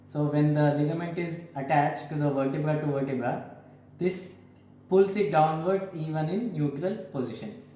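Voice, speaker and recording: A man with a fairly high voice lectures on anatomy, repeating himself and restarting phrases as he explains each point. His voice rings in an echoey room with a faint hum behind. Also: warm tone. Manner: slow, repetitive explaining with frequent restarts. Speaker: physiotherapy teacher.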